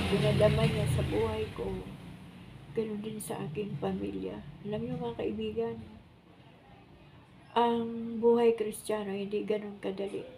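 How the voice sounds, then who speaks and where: A woman in her sixties giving a heartfelt faith testimony to her viewers, speaking earnestly and politely with frequent pauses and fillers. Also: a little high, vocal fry, warm tone, slight background noise, low-quality recording. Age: 60s. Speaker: vlogger sharing testimony.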